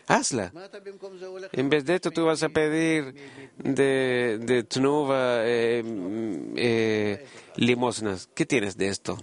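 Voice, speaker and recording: Earnest but halting, and full of pauses and fillers, a man voices a conversation in Spanish as a voice-over. His voice is mid-range.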